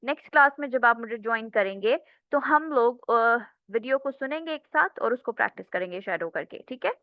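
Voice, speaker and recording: A woman's voice: on the high side, animated, fairly quick, no room sound. Woman teacher lecturing in dull lo-fi sound. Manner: explains step by step, often checks in with the class. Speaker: English teacher. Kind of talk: classroom lecture mixing Hindi and English.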